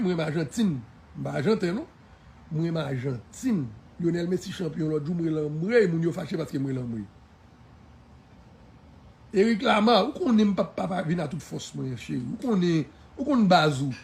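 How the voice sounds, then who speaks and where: A man's voice: on the high side, lively intonation, normal speed, creaky, a little mellow, a little hiss or hum. A man with a Haitian accent giving a defiant, emphatic live-stream monologue, laughing often and slipping into French phrases.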